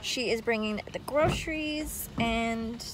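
A woman's voice: a little high, slow pace, background noise. Chatty woman vlogging into her phone. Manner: chatty, upbeat, many ums. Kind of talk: casual vlog walkthrough. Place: at home, then in a parked car. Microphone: phone camera at arm's length.

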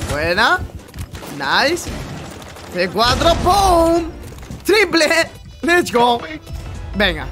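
A young man from Spain with a Spanish accent, reacting to gameplay clips, exclaiming, laughing and swearing as he goes. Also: high-pitched. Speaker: gaming YouTuber reacting to clips. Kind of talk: excited gameplay reaction commentary.

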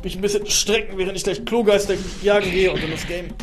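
A young man streaming and commenting live on a video game, expressive, often tripping over repeated words. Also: high-pitched, quick pace, over music. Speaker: let's-play streamer.

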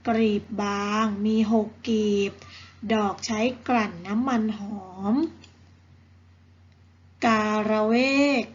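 Slow, careful Thai woman teacher. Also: mid-range voice, level tone, dull audio, slight background noise. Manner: slow, careful reading of each word twice. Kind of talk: slow vocabulary lesson for children.

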